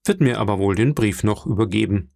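A man reading the part of a hearty middle-aged shipowner in an audiobook, lively and confiding. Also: on the low side, a little fast, gravelly, no room sound, studio quality.

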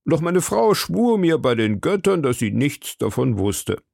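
A timid middle-aged shopkeeper, nervous and fawning, as a male audiobook reader plays him. His voice is raised and a little strained, with a gravelly grain. It is recorded dry and close. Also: on the high side, very animated, a little slow, darkish tone, dry recording, voice pushed up, full character voice. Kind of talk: audiobook character voice.

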